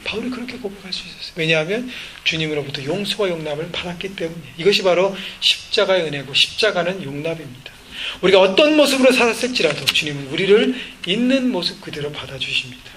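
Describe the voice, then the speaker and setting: Male pastor, high voice, emphatic church sermon full of rhetorical questions. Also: very animated, fast talker, few pauses, background noise. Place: church sanctuary.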